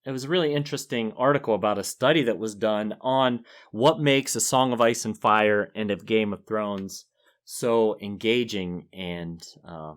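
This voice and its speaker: A man's voice: fairly low pitch, moderate pace. A man co-hosting a podcast in casual chat, talking easily and laughing often. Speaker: podcast co-host.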